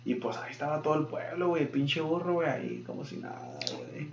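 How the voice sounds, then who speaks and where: Fairly high-pitched and creaky, the man talks quickly, trading slangy, crude jokes as a podcast co-host with a Mexican Spanish accent. It's relaxed joke-telling chat punctuated by loud bursts of laughter, and the sound is lo-fi, dull and roomy.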